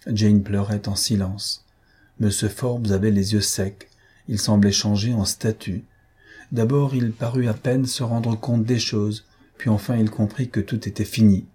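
A man reading a novella aloud in the first person, in a measured, sober way. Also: lowish voice, warm tone, slightly rough. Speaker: audiobook reader.

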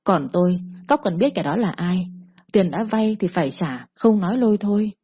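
A woman's voice: lowish voice, expressive, moderate pace, breathy edge. A woman voicing a cocky, lewd male gangster loan shark who talks in a sneering, bullying drawl. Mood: menacing. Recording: dull lo-fi recording.

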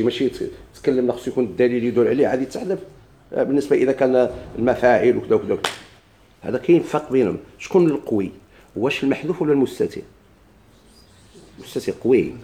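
A fast-talking man with a Moroccan Arabic accent, teaching grammar from a classical text. His voice is dark and mellow. He asks questions and answers them himself, and slows down to quote verses and examples. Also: medium pitch.

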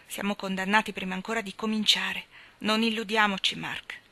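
A woman's voice: medium pitch, little pitch movement, normal speed, sharp tone. Woman voicing a tormented, impassioned woman doctor. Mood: anguished. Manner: impassioned, defiant outbursts. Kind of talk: dramatic audiobook reading.

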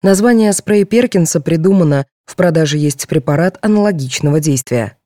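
A woman narrates an audiobook with a very lively, rising and falling voice. She reads in a close, dry room with no echo, giving each character a lift in pitch as she goes. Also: fairly quick. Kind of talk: audiobook reading of a detective novel.

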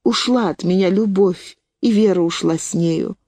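A woman's voice: fairly low pitch, normal speed, mellow, dry recording. A woman reading the part of a despairing young woman begging her aunt for help, raised and pleading. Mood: desperate pleading.

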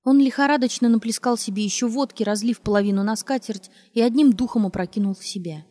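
A woman narrating a novel in a measured, even storytelling manner. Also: fairly high pitch. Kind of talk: audiobook narration.

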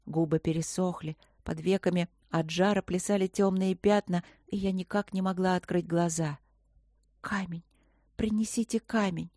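A woman narrating an audiobook in first person, speaking softly with a feverish, breathless edge. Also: lowish voice, fairly even intonation, moderate pace, hardly any pauses, no echo, studio quality.

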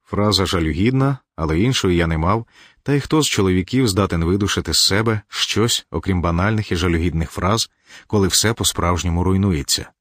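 A man reads a literary audiobook in the first person, measured and introspective. His voice is low and a bit husky. The sound is close and dry, with no room in it. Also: fairly bright tone, dry recording. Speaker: audiobook narrator.

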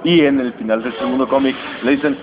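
Animated Mexican man retelling a comic. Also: mid-range voice. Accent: Mexican Spanish. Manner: animated, slangy, acts out lines in quick voices. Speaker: comics podcast host. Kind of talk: casual chat retelling a comic plot. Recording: dull lo-fi recording with steady noise.

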